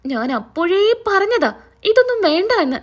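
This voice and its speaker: A woman's voice: extremely high pitch, big pitch swings, normal speed. A woman reading a frightened hiding man. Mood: fearful. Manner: whining and fearful.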